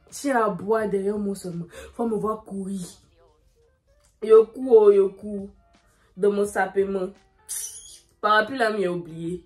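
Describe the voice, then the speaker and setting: Animated young woman. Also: mid-range voice. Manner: animated, dramatic storyteller. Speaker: beauty vlogger. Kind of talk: storytime while doing makeup.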